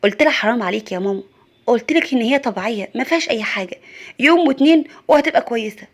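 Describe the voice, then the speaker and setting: A woman's voice: a little high, lively intonation, rapid-fire. Earnest young Egyptian husband telling a family story, narrated by a woman. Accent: Egyptian Arabic.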